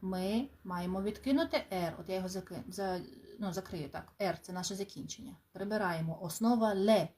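A woman teaching a beginner lesson, calmly drilling words and endings with pauses for practice and occasional light asides. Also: mid-range voice. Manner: clear, drawn-out drilling with pauses, warm asides and laughs. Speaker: language teacher. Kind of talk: slow, patient spoken lesson.

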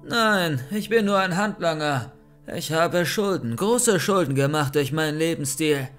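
A defensive young henchman in debt, pleading that he only follows orders, read by a man. His voice sits fairly high over faint music. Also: lively intonation, unhurried, fairly bright tone.

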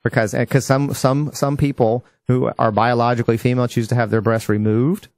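A man's voice: medium pitch, flat delivery, brisk, a little mellow, no room sound. Podcast host, man, blunt and irreverent, speculates freely, dry studio sound. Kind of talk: casual podcast chat.

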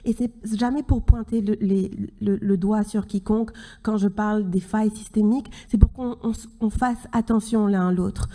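A woman in her thirties giving a closing conference speech from a podium, earnest and halting, with many restarts. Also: mid-range voice, fairly even intonation, dark tone. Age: 30s. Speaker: keynote speaker. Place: large conference hall stage at a podium. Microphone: podium microphone.

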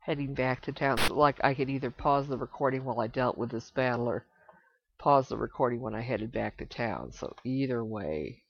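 A woman hosting a let's play of an old computer game, relaxed and thinking aloud as she reads the game's text. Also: very deep voice, normal speed. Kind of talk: casual game commentary. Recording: slightly dull lo-fi desktop recording.

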